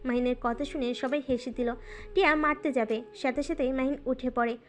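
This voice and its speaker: High-voiced woman narrating a story. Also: steady tone, moderate pace, soft background music. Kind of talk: scripted narration of a romance audio story.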